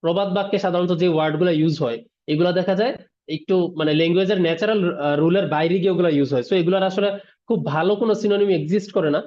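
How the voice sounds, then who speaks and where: A man teaches English over a video call, moving quickly through word meanings and asking his students whether they follow. His voice sits high and his pace is brisk. The sound is dull and lo-fi, as online class audio often is. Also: a little mellow. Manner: explains word by word, mixing English terms, asks "ঠিক আছে?".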